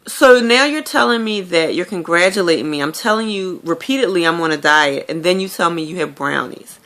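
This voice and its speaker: A woman vlogger with a lowish, fairly bright, expressive voice speaks briskly and candidly to her viewers in a casual video diary. Her chatty stories are full of fillers.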